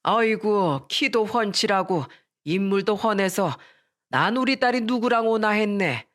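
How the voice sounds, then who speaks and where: A woman voicing a warm, hearty middle-aged father who draws his words out. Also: mid-range voice, moderate pace, natural voice.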